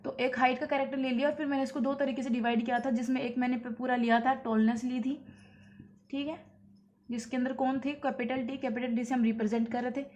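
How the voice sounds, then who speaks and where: A woman's voice: sits high, flat delivery, fast, darkish tone, dull audio, slight background noise. A woman teacher explaining at a whiteboard, asking herself questions and answering them, and repeating key points. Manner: asks rhetorical questions then answers them. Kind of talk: whiteboard lesson.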